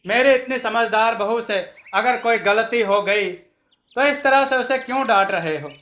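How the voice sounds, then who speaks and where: A man voicing a kindly, patient father-in-law in a storybook tale, speaking gently. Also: extremely high pitch, measured pace, full character voice. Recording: echoey room.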